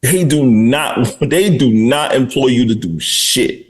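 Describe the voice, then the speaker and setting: A man's voice: mid-range voice, slow. Blunt, outspoken man in his forties. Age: 40s. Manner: blunt, profane, candid. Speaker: podcast host. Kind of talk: casual podcast chat.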